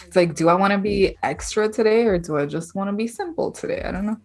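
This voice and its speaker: A young woman from Bangladesh, an artist and writer, speaking thoughtfully and softly in a casual interview with fillers and small laughs. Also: medium pitch, fast. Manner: thoughtful, soft-spoken, with frequent fillers and light laughs.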